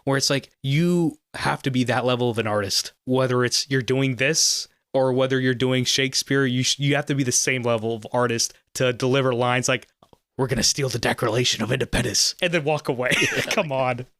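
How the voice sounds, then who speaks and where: A man's voice: mid-range voice, fairly even intonation, normal speed, hardly any pauses, fairly bright tone, smooth, no room sound, clean studio sound. A man hosting a film podcast, talking casually and enthusiastically with lots of filler words. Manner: enthusiastic, rambling with many "like" fillers. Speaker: podcast host.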